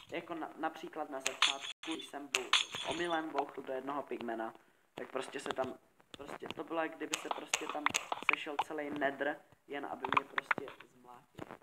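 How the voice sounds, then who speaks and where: A young man talking quietly and rambling with lots of fillers as he comments on his own gameplay. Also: on the high side. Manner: soft-spoken, rambling with many fillers. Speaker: gaming YouTuber. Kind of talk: casual Let's Play commentary. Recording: loud background noise.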